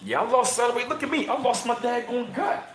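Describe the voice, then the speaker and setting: A man in his thirties hosting a casual livestream, chatting with viewers in slangy talk and reading passages aloud, his voice jumping high whenever he gets emphatic. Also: a little fast, echoey room, loud music behind the voice. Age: 30s. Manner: excitable, voice jumps high when emphatic, slangy. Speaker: channel host.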